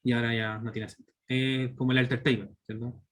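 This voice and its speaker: Teaching a live online programming class, a Chilean man in his thirties who works as a university teacher explains things step by step, peppering his talk with tag questions to check on students. He speaks quickly in a level, fairly bright, medium-pitched voice.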